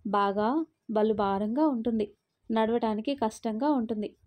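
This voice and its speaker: A woman's voice: on the high side, a little slow, lo-fi sound, lightly acted. A woman voicing a weary, remorseful pregnant young wife in a spoken story. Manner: weary, tearful.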